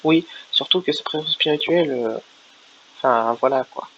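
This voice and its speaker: A man's voice: fairly high pitch, normal speed, fairly bright tone. A man doing casual let's play commentary at home, swearing and laughing at the game, on a lo-fi recording. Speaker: gaming video host. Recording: lo-fi voice with faint hiss.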